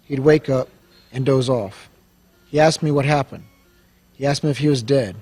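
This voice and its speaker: A man, owner of a service company and host, reading a letter aloud and talking on a radio show in an earnest, halting way with many restarts. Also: mid-range voice, a little mellow.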